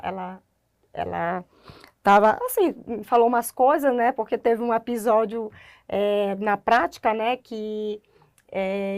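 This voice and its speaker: A young woman doctor, a guest in a casual interview, telling her story in an animated way and acting out the voices of people she quotes. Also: mid-range voice.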